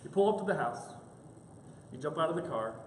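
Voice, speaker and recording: A man's voice: a little high, brisk, a little hiss or hum. A man preaching a sermon, telling a story and acting out the people in it. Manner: animated, acts out characters in quoted asides. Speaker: pastor. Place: church sanctuary. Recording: echoey church hall.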